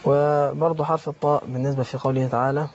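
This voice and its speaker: A man's voice: fairly high pitch, little pitch movement, fast talker, darkish tone, muffled recording, a little hiss or hum. A man, a studio guest discussing recitation errors in a hesitant, agreeable way. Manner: hesitant, agreeable, many fillers.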